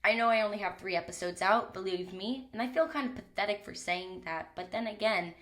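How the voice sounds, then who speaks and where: Speaking a little fast in a mid-range, fairly bright voice, a young woman hosts a podcast by herself. She's got a slight cold-induced stuffiness, records on a mic in a small closet, and talks openly and casually with some swearing.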